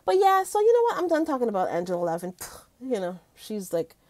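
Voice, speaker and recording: A woman vlogging in a loose, chatty way, gushing to her viewers and calling them guys. Her voice sits a little high and swings widely in pitch. The sound is dry and close, with no room echo. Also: wildly swooping pitch, fast talker, darkish tone. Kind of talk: casual commentary chat.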